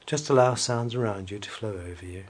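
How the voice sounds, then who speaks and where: A man leading a guided evening relaxation, speaking slowly and soothingly and at times sinking to a soft whisper. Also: on the low side, husky.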